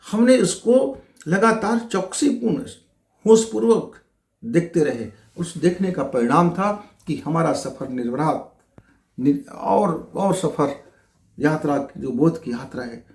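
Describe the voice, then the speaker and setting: A man's voice: fairly high pitch, darkish tone, reverberant. A middle-aged man, a spiritual teacher, giving a motivational talk that calls listeners friends and runs through long lists of rhetorical questions.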